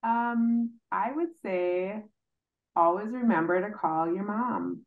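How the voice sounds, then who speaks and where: Female guest, soft, quiet, sounds like a phone line. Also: medium pitch, takes it slowly. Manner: soft-spoken, brief answers. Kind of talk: casual chat.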